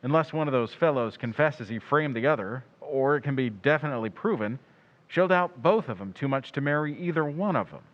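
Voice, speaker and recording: A man's voice: mid-range voice, animated, a little fast, highs cut off, close to an everyday voice. A man playing a confident, probing crime photographer sleuth in an old-time radio drama. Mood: probing, accusing.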